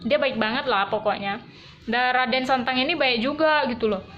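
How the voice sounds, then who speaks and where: A woman vlogger casually telling a personal story to camera in slangy, animated speech, with quick swings in emotion. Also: high-pitched, lo-fi sound, faint music behind.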